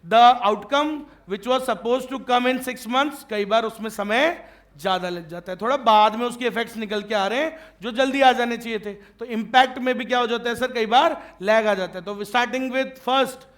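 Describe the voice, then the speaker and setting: Very high-voiced man teaching a class. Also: moderate pace, fairly bright tone. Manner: checks often that students follow; joking and teasing with students. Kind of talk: classroom lecture.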